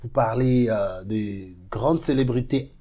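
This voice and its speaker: A man hosting a casual interview in a plain, mid-pitched voice. He keeps the talk moving with short affirming interjections and turns to speak to the audience directly. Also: takes it slowly, warm tone. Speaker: talk show host.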